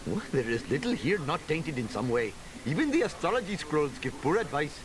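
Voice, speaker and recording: A formal, grave shopkeeper. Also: male voice, a little high, sing-song, a little fast, noisy background. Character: earnest male shopkeeper, middle-aged. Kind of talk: video game voice acting.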